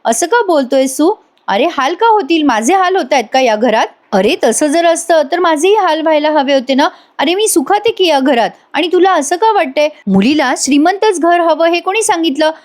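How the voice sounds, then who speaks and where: An earnest young wife from a family serial speaks with open, pleading affection. Her voice sits high and bright in tone, as a woman narrator puts her on in a retelling. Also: animated, normal speed. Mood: sincere. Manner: heartfelt, pleading.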